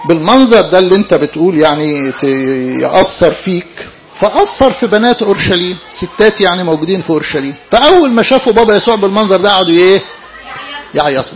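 A man with an Egyptian Arabic accent, a priest giving an interactive sermon to young listeners and keeping them engaged with questions. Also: high voice. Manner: lively, keeps questioning his listeners.

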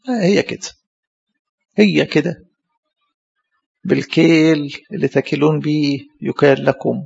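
Gravelly, husky Egyptian priest preaching fast. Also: male voice, a little high, dull audio. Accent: Egyptian Arabic. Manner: conversational preaching, rhetorical questions, repeats phrases. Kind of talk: sermon.

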